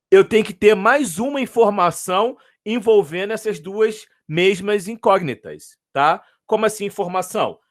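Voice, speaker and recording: A man with a Brazilian accent, teaching a math lesson, patiently repeating his points and checking in with the students. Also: high-pitched. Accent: Brazilian Portuguese.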